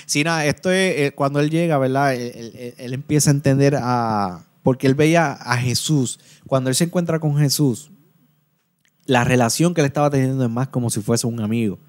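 A man's voice: mid-range voice, moderate pace. A man, hosting a podcast and talking through a book review in an earnest, casual way, often repeating and restarting his words. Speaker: podcast host.

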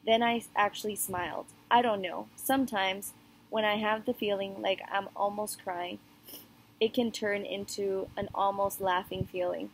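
A woman reading a children's novel aloud in an even, unhurried first-person voice. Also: mid-range voice, slight background noise, poor audio. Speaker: audiobook reader.

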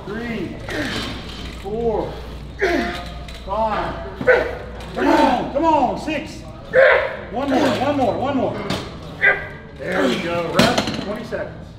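A middle-aged man coaching a leg workout in a large indoor gym, counting reps loudly and urging his partners on, then calmly explaining the machines. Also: high voice, drawn-out words, pauses often, very noisy. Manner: loud rep-counting encouragement. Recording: echoey gym with loud music.

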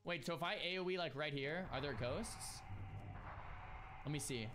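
Background noise surrounds a young streamer in a small room as he narrates his video game live on a headset mic. His slightly high voice moves at a moderate pace, turning from puzzled to thrilled in an excitable, exclaiming way.

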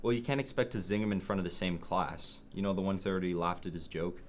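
A teenage boy plays a level-headed schoolboy in a noisy amateur school video. His fairly low voice stays calm and matter-of-fact. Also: quick pace, natural voice. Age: teens. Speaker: student. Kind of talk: student film acting.

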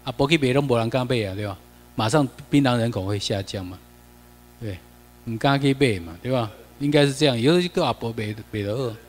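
A Taiwanese-accented man lectures a class over slides and keeps peppering them with questions. His voice sits at a middling pitch. The long reverb of the lecture room trails behind every phrase. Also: brisk. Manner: chatty, mixes in Taiwanese Hokkien, asks the class questions.

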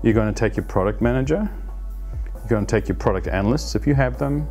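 A man in his fifties explaining a team planning practice to camera as an agile coach, conversational and animated, on a lapel mic in a plain studio. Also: mid-range voice, quick pace, faint music behind. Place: plain studio against a light wall.

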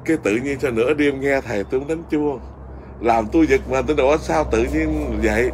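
A man's voice: mid-range voice, a little fast, darkish tone, slight background noise. A middle-aged man, a Buddhist monk with a Southern Vietnamese accent, telling a story in casual conversation with a lot of fillers and restarts. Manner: rambling, with many fillers and restarts.

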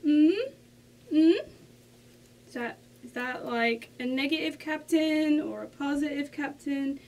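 A woman reacting to a music video in casual commentary, excitable and gushing, with sudden squeals and exclamations. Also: sits high, slow. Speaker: reaction vlogger.

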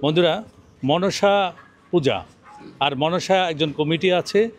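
Speaking slowly in a fairly high-pitched voice, a middle-aged man conducts a promotional interview on location at an outdoor livestock market beneath a bamboo shed. He uses a handheld mic and pitches persuasively to viewers, with slight background noise audible.

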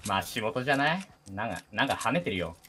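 A man hosting a gaming channel, chatting roughly and excitably with a teammate, often shouting and laughing at enemies. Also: on the low side, fast talker. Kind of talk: casual gameplay chat with a teammate. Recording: noisy game audio behind.

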